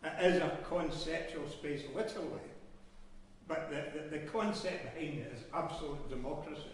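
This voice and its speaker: A man's voice: a little high, moderate pace, a little hiss or hum. A Scottish man from Glasgow, a poet, talking through a live reading in a rambling, hesitant way full of ems and ehs. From Glasgow, Scotland. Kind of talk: live poetry reading with digressions. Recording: echoey hall, voice from far off.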